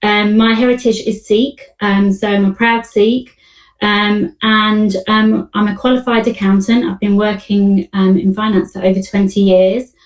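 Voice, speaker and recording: A woman's voice: medium pitch, flat delivery, a little slow. Woman in her forties, distant and echoey. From United Kingdom. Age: 40s. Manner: conversational, leans on "you know". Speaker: panelist. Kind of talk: casual online panel talk.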